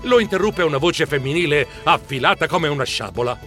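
A man narrating a children's story in the first person, with animated, expressive delivery. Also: fairly high pitch, brisk, faint music behind. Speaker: audiobook narrator.

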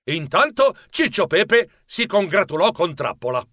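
A man narrating a children's audiobook in an animated storytelling manner. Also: high-pitched, a little slow, no room sound, studio quality.

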